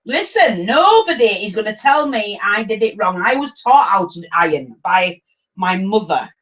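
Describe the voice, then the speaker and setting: Middle-aged woman, English accent, blunt anecdotal chat, very varied pitch, muffled lo-fi livestream sound. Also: moderate pace. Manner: blunt, animated storytelling. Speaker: livestream host. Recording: dull lo-fi livestream audio.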